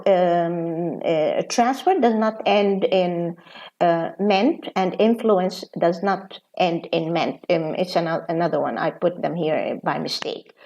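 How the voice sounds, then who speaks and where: A woman's voice: mid-range voice, a little mellow. A woman teaching English pronunciation, reading word lists aloud with frequent fillers and restarts. Her first language is Arabic. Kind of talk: slow instructional lesson.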